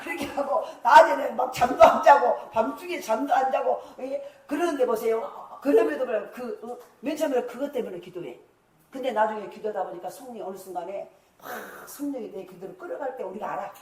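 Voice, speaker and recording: A woman's voice: fairly high pitch, fairly quick, darkish tone. A woman pastor preaching a revival sermon in an emphatic manner. She laughs often and acts out quoted prayers. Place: church sanctuary. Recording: echoey church hall, mic far off.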